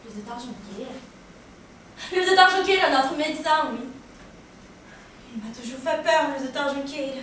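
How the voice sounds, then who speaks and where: An actress playing a confused, frightened teenage girl in a stage monologue, swinging between hushed murmurs and shrill cries, recorded from far off in an echoey hall. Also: slight background noise. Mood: anxious. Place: theater stage.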